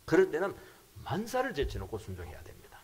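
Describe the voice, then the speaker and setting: A middle-aged man, a pastor, preaching a sermon emphatically, his voice jumping from loud bursts down to near whispers. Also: a little high, huge pitch swings, fast, slightly rough.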